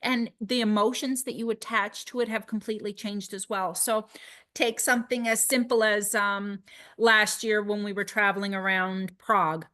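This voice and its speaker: A woman's voice: medium pitch, fairly even intonation, moderate pace, bright, forceful tone. A woman from Nova Scotia, a family travel blogger, telling stories in a casual interview over a video call. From Nova Scotia, Canada. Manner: chatty, enthusiastic storyteller.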